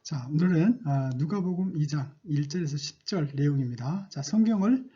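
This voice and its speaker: A man's voice: fairly high pitch, lively intonation, moderate pace, dark tone, slightly rough, lo-fi sound. A man teaching an English lesson, repeating phrases in question-and-answer drills with frequent fillers.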